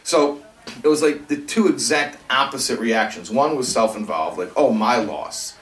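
A man's voice: mid-range voice, moderate pace. Man teaching a class in an echoey room. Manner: animated teacher, quotes examples in voices, thinks aloud. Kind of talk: Torah class lecture.

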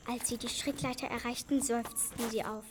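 A woman narrating a radio play in a calm, even storytelling manner. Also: a little high, moderate pace. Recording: hissy amateur recording.

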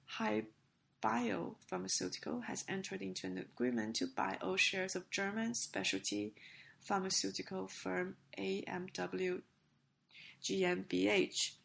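Hoarse, very gravelly woman reading news. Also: medium pitch, fairly bright tone. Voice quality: rough, gravelly voice. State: hoarse with a sick, coughing voice. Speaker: podcast news host. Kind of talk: scripted business news reading.

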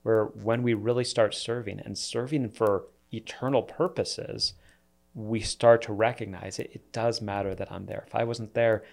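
A man's voice: on the low side, fairly even intonation, moderate pace, gravelly. A man, a pastor, talking in an earnest, reflective way in a casual church podcast discussion, often restarting his sentences.

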